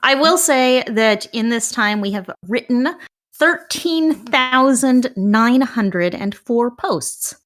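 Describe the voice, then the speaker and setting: A woman's voice: on the high side, slow, fairly bright tone. A woman co-hosting a podcast in a casual, conversational style. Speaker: podcast co-host.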